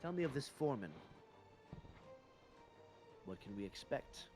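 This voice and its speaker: A man playing a cool, threatening adventurer in a tabletop game, speaking in a measured, deliberate way. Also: mid-range voice, sing-song, music in the background. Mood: calm negotiating. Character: cool, threatening male adventurer, offering bargains. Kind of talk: in-character tabletop role-play.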